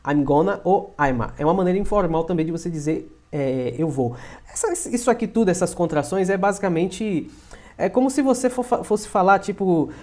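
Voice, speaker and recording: A man with a Brazilian Portuguese accent teaches English grammar in a relaxed, conversational lesson. He keeps checking in with tag questions and draws out each example sentence slowly. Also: fairly high pitch. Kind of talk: casual explanatory lesson.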